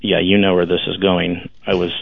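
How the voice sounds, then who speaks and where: Man in his fifties, caller, crackling distorted phone line, husky gravelly voice, halting dry delivery. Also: low-pitched, level tone, no room sound. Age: 50s. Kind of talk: casual call-in chat.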